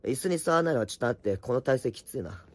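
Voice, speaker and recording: A middle-aged man, slightly hoarse and mid-range in pitch, runs a casual late-night livestream from home while bundled in an electric blanket. Speaking very fast with lively intonation, he reads viewer comments aloud and answers bluntly, throwing in teasing, rough asides.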